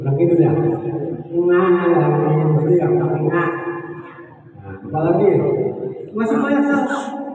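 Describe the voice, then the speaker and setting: A man preaches to a congregation in a high, mellow voice. He tells the story in a slow sing-song, with his pitch rising and falling. The sound comes from a distance and carries the long reverb of a big hall. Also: very animated. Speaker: Islamic preacher. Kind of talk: sermon. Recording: echoey hall recorded from far off.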